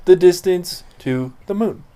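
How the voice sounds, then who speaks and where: A man's voice: high voice, unhurried, warm tone, smooth. A young man co-hosting a podcast in casual chat, rambling with many fillers and crude jokes. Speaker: podcast co-host.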